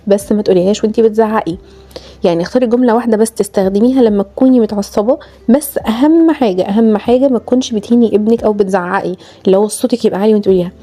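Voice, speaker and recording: Speaking directly to the camera, a woman with an Egyptian Arabic accent earnestly coaches other mothers on parenting, drawing on her own experience as a mother. Her voice is medium-pitched and mellow.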